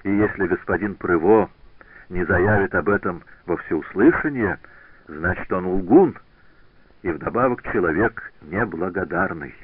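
A man's voice: deep voice, measured pace, breathy edge, dry recording. A man voicing a passionate, commanding older master sculptor with an emotional, exclamatory manner, in a tinny, dry radio recording. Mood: insistent.

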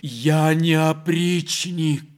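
A man's voice: a little high, a little slow, voice pushed up, natural voice. A man doing a desperate young prince, urgent. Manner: urgent, pleading, loud.

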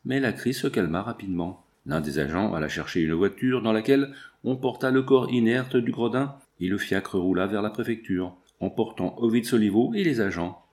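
A man narrating a nineteenth-century novel aloud in a measured, expressive reading. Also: lowish voice. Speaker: audiobook narrator. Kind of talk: scripted narration.

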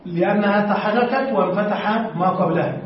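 A man's voice: high voice, brisk, slight background noise. A man teaching a class as a sheikh. He reads a text aloud, then explains it and asks his students questions. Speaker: sheikh teaching Arabic morphology. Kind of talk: classroom lecture. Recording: very echoey, distant, dull lo-fi.

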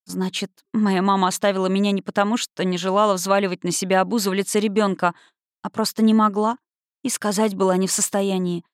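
A woman's voice: mid-range voice, flat delivery, fast talker, dry recording, studio quality. A woman reading a first-person novel aloud as audiobook narrator.

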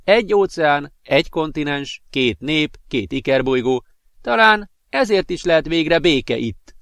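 An earnest young alien woman, voiced by a man in a spoken storybook, set somewhat above the reader's normal pitch. She speaks in a steady, explanatory way, and the recording is dry and close. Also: dry recording.

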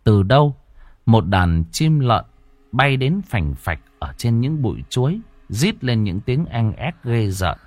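A man's voice: medium pitch, sing-song, takes it slowly, darkish tone, no echo. A man narrating a ghost story with a dramatic delivery.

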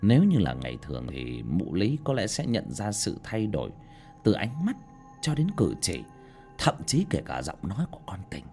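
A man narrating a scripted horror story in a dramatic, expressive manner. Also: low-pitched, normal speed, soft background music.

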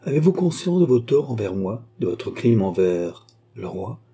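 A man's voice: lowish voice, sing-song, moderate pace, mellow, husky, full character voice. A man voicing a proud, indignant queen who scolds in a raised, reproachful voice.

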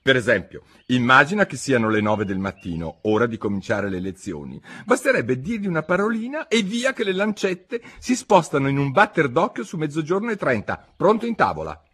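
A man's voice: medium pitch, sing-song, brisk, few pauses, a bit bright, husky, voice pushed up. A man reading an audiobook, voicing a scornful, touchy eccentric hatter in a raised, emphatic, mocking voice. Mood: scornful, lecturing.

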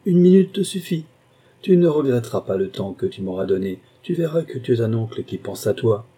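A man's voice: mid-range voice, sing-song, a little fast, mellow, breathy edge. A man reading an audiobook, voicing a voluble, scornful older uncle who scoffs at his nephew. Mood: scornful, pushy. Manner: voluble, mocking.

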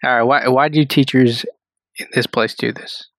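A man hosting a radio talk show in casual chat, teasing his co-host with quick banter and frequent laughs. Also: medium pitch, steady tone, fairly bright tone, dry recording.

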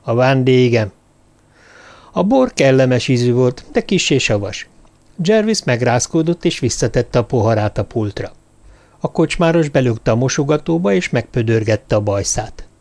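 A man reading a thriller novel aloud as an audiobook narrator, calm and measured. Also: mid-range voice, gravelly. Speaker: audiobook reader. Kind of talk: scripted narration.

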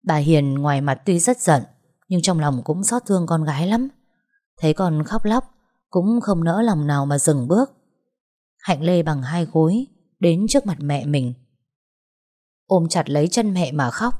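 A woman reading a family drama aloud as narrator, voicing every character herself in an even tone. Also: deep voice, unhurried, pauses often. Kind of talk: storytelling narration with acted dialogue.

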